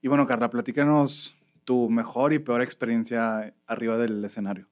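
A man with a Mexican accent hosting a casual podcast chat, relaxed and slangy. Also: mid-range voice, normal speed. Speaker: podcast host.

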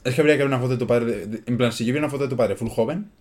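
A man's voice: medium pitch, rapid-fire, darkish tone. A young man, co-hosting a casual chat in a chatty, slangy way. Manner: chatty, peppers lines with "tío" and "en plan". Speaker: podcast co-host.

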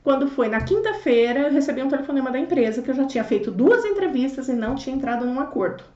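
A woman sharing her story as an interview guest, expressive, acting out dialogue and swinging between loud and hushed. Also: high voice, quick pace. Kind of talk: animated personal testimony. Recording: roomy, distant, dull audio.

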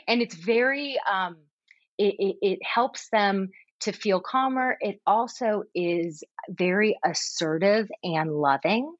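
A woman coaching a parent, explaining gently and often restarting her sentences. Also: mid-range voice, slow pace, no room sound, highs cut off. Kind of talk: advice on a podcast call.

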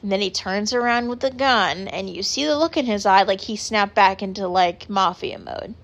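A woman's voice: mid-range voice, moderate pace, a bit bright. A woman hosting a casual chat, rambling with lots of filler words and casual swearing. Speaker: podcast host.

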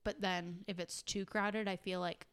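A woman's voice: medium pitch, fairly even intonation, unhurried, fairly bright tone, smooth. A young woman co-hosting a podcast in casual chat, sounding nasal and congested from a cold, talking chattily with lots of fillers. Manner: chatty, filler-heavy, laughs often. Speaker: podcast co-host.

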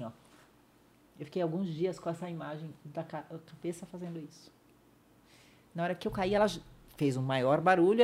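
Middle-aged Brazilian woman retelling an ordeal. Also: fairly low pitch. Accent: Brazilian Portuguese. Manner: vivid retelling, acts out others' lines, drops to a hush at painful moments. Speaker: podcast guest. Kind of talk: emotional personal storytelling.

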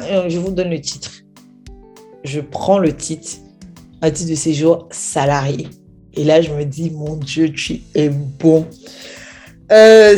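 A young woman telling a personal testimony as a story, acting out the quoted dialogue as she goes. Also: on the low side. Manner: animated retelling with acted-out quoted dialogue. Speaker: speaker sharing a personal testimony.

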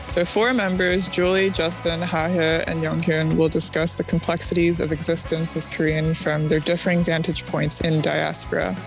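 A woman moderating a casual group podcast discussion, speaking in a relaxed, hesitant way with frequent fillers. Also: fairly low pitch, vocal fry.

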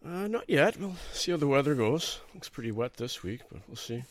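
A man's voice: fairly high pitch, very animated, moderate pace, no echo. A man, a podcast guest, talking in an easygoing way with brief replies. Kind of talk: casual chat.

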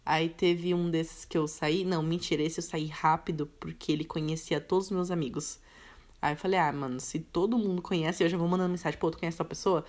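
A woman's voice: deep voice, fairly quick. A young woman, chatting casually and using slang while she jokes at her own expense. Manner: relaxed, slangy, self-deprecating. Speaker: podcast co-host. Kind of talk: casual chat.

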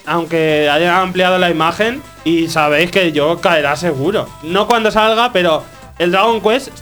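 A man's voice: high-pitched, moderate pace, a bit bright, faint music behind. A man co-hosting a gaming podcast, chatting enthusiastically and often restarting his sentences. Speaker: podcast co-host. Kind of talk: casual chat.

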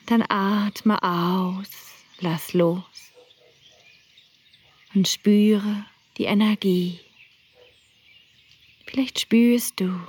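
Slow whispering woman meditation guide. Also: mid-range voice, husky, no echo. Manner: soft whispering, slow and calm.

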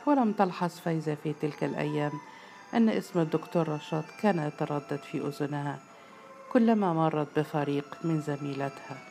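A woman with an Egyptian accent narrating a story in a steady, storytelling way. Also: low voice, a little fast, soft background music. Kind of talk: story reading.

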